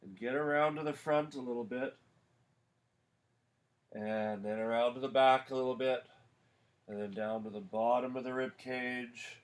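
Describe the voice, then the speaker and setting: A man teaching a yoga class for singers, giving calm, unhurried instructions with pauses. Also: mid-range voice.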